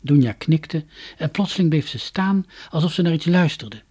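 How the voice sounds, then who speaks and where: A man reading a fairy tale aloud, with calm, soft storybook narration. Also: a little high, moderate pace, slightly rough.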